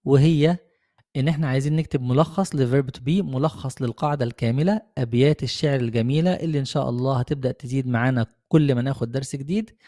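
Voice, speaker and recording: A man's voice: medium pitch, warm tone. Patient Egyptian man teaching English. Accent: Egyptian Arabic. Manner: patient, encouraging, repeats slowly. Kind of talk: online language lesson.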